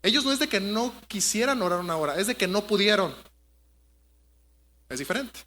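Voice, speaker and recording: A man's voice: high-pitched, lively intonation, normal speed, bright, forceful tone, slight background noise. A man preaching a sermon to his congregation in a conversational way, often asking them rhetorical questions. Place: church.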